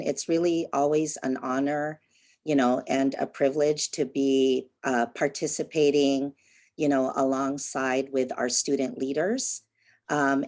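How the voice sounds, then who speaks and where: A woman raised in California after coming from the Philippines speaks as a panelist on a video call. Her voice sits very low and she talks slowly, with gracious, measured phrasing. She fills her pauses with "um" and "you know". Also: darkish tone. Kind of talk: conversational panel talk.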